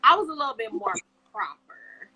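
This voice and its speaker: Casting note: bright, slightly high woman from Chicago, animated, slangy podcast co-host. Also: normal speed, husky, rough recording. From Chicago, USA. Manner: animated, slangy, laughs often. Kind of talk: casual chat.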